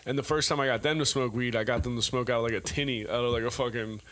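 A man's voice: medium pitch, steady tone, fast, a bit bright. Man rambling through stories. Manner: rambling anecdotes with laughs and swearing. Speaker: comedian guest. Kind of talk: casual chat.

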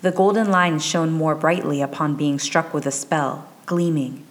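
A woman narrating a fan fiction chapter in a measured, even storytelling delivery. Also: deep voice. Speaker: audiobook narrator.

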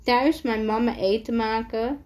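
A woman reading aloud as a shy, polite boy who is still learning the language. He speaks in short, halting, simple phrases, slow and careful. It is a children's storybook read gently. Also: fairly high pitch, fairly even intonation, lightly acted.

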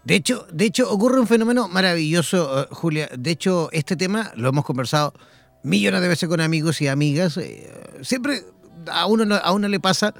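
A man with a Chilean Spanish accent talks in a chatty, meandering way, with a somewhat high voice and a gravelly, creaky edge. He often repeats phrases and fills pauses with "eh". The sound is close and dry. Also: animated, no room sound, faint music behind. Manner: chatty, repeats himself, frequent fillers. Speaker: conversation partner. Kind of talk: casual conversation.

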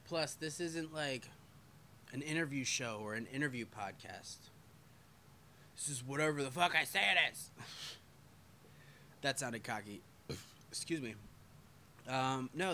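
Bright-voiced casual man hosting a live stream. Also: on the high side, animated, a little slow, pauses often, a little hiss or hum. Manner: loose and swearing, with self-deprecating asides. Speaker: podcast host reading live chat.

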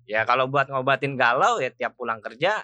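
A man's voice: mid-range voice, expressive, brisk, pushed and bright, no echo, highs cut off. A man with a Jakarta accent joking and teasing in a casual, laughing chat. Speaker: podcast co-host.

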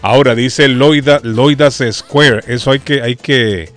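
A man's voice: medium pitch, a little slow, soft background music. A man hosting a live radio show from the studio, chatting and often repeating himself as he affirms what others say.

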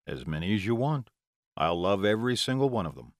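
Male narrator as calm vampire lover, low and steady, dry close recording. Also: a little fast, dry recording. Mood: reassuring.

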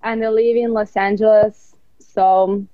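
A woman's voice: mid-range voice, little pitch movement, unhurried, no echo, dull audio. A woman in her twenties from Serbia, a guest talking openly and unhurriedly in a casual interview. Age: 20s.

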